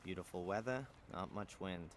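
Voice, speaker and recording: A man's voice: low-pitched, normal speed, close to an everyday voice. An actor playing a polite young male student in a video game, speaking hesitantly with many uhs. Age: young adult. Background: game music.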